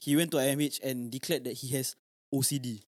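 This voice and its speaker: A man's voice: medium pitch, fairly even intonation, brisk, no room sound, studio quality. A young man from Singapore with a Singaporean accent, chatting casually in slangy English mixed with Malay. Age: young adult. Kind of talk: casual group chat.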